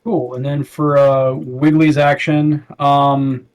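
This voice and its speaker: A man's voice: medium pitch, little pitch movement, slow. A man playing a tabletop game, chatting casually and thinking aloud as he works out his moves.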